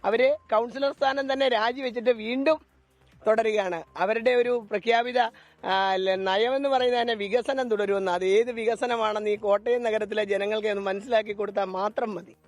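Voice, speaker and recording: A man's voice: high-pitched, fairly even intonation, fairly quick, no room sound, soft background music. A man speaking critically in a news interview soundbite, arguing against opponents. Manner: critical, argumentative. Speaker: political party representative.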